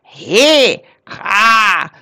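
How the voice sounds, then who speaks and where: A woman voicing an excited, bossy male raven who croaks between his words in a storybook reading. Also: mid-range voice, drawn-out words, heavily acted. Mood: indignant.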